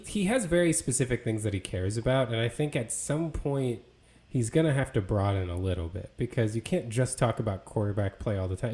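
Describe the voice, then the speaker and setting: A man with a fairly low, dark-toned voice co-hosts a casual sports podcast. His talk is loose and conversational, packed with fillers and restarts.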